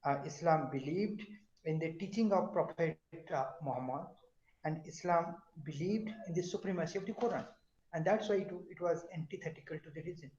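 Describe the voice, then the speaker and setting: A middle-aged professor lectures his class over a video call, pausing often on fillers as he quizzes his students. His voice sits a little high. The sound is echoey and dull, as from a computer mic in a bare room. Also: a little mellow. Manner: questioning students, many fillers.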